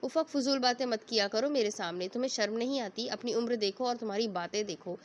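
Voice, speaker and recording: A woman's voice: on the high side, brisk, lightly acted. A woman reading the part of an irritable young man who curtly scolds a girl, in a storybook reading. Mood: irritated. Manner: curt, scolding.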